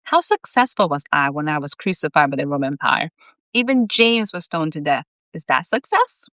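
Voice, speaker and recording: A blunt, teasing male saint who doesn't sugarcoat anything, put on by a woman reading a story. The pitch leaps around freely, and the sound is close and dry. Lower-pitched overall, but with plenty of lift on the jabs. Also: very animated, moderate pace, dry recording. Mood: wry. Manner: teasing, sharp-tongued. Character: wry, blunt male saint guiding a newcomer.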